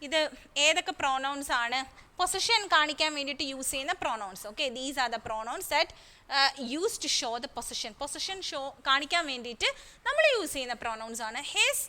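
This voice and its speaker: A woman teacher with a Kerala accent giving a recorded class to young children, reading English slowly and explaining in quick asides, asking questions and answering them herself. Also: sits high, lively intonation, bright, forceful tone. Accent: Kerala Indian English. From Kerala, India. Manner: slow careful English, quick Malayalam asides, asks and answers own questions.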